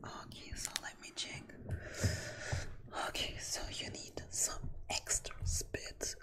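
A young woman doing a whispered role-play as a makeup artist in ASMR style, breathy and very close to the mic, with tingly mouth sounds. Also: slow. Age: young adult. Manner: tingly ASMR mouth sounds between short soft phrases. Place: small room at a desk, indoors. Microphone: desktop mic with fluffy windscreen, very close.

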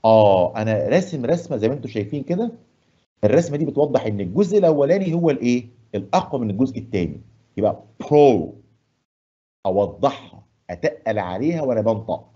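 A man with an Egyptian Arabic accent teaching an English lesson. He asks the class questions and answers them himself, and he stresses English words slowly and loudly. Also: medium pitch, slightly rough, muffled recording. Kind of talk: classroom lesson explaining grammar and pronunciation. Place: studio.

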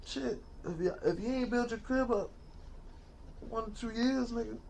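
A man's voice: very high voice, moderate pace, vocal fry, a little mellow, a little hiss or hum. A young man in his twenties co-hosting a podcast, talking bluntly in casual slang with lots of swearing. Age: 20s. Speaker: podcast co-host. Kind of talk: casual profane chat.

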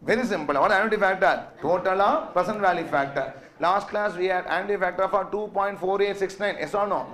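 A man's voice: high voice, brisk, hardly any pauses, a bit bright. A middle-aged man with a South Indian accent, teaching like a classroom lecturer, repeating himself and asking questions he then answers. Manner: repetitive, asks and answers own questions. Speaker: finance lecturer.

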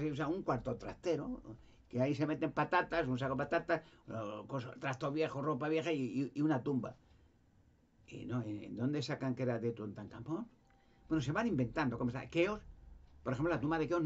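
A man's voice: medium pitch, breathy edge. A man talking in a rambling, emphatic monologue, stumbling over and repeating his words. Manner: emphatic, repetitive, restarts words. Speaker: conspiracy talk guest. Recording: dull lo-fi sound.

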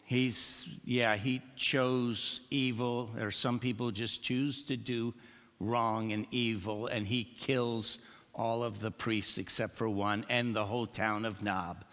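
An older man preaching a sermon as pastor, telling jokes in an animated storytelling manner. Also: mid-range voice, slow pace. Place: church sanctuary. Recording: long church reverb.

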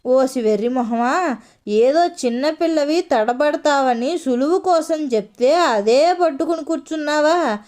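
A woman voicing a kindly mother who gently chides and reassures. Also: high-pitched, measured pace. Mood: chiding.

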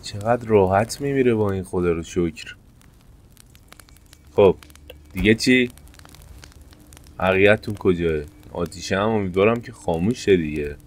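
A man commentating his gameplay casually, excitable, jumping to sudden high-pitched yelps. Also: long pauses, a little hiss or hum. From Iran. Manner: excitable, jumps to high-pitched yelps when fires start. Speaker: gameplay streamer. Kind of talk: casual let's-play commentary.

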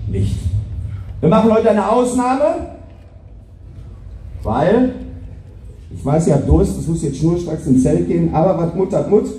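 A mature man projecting an informal, jocular ceremonial speech to a crowd as a society captain. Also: fairly high pitch. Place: large outdoor square between buildings. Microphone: stand microphone at lectern, distant camera. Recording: echoey loudspeaker sound, somewhat distant.

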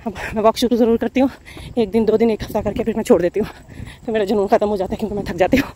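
A woman, a mother and family vlogger, chatting casually to camera and talking firmly but gently to her kids. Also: medium pitch, fairly even intonation, rapid-fire. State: tired from walking. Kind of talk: casual vlog chat. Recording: noisy background.

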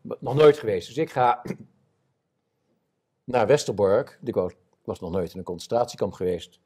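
A man in his seventies, an eyewitness telling his war memories in an interview before an audience, animated and acting out the voices of others. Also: on the low side, unhurried, slightly rough. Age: 70s. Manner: animated storyteller, acts out quoted voices. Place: stage before a live audience.

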